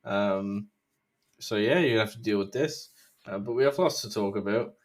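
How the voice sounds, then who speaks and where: Low-voiced British man, slightly slurred speech. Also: normal speed. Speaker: podcast co-host. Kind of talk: casual podcast chat.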